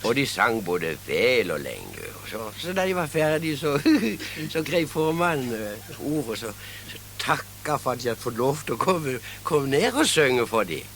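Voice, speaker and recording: A man's voice: medium pitch, big pitch swings, fairly bright tone, slight background noise. An older man with a Southern Norwegian accent telling humorous anecdotes, often chuckling at his own jokes and restarting his sentences. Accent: Southern Norwegian, Kristiansand area. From Southern Norway. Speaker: storyteller.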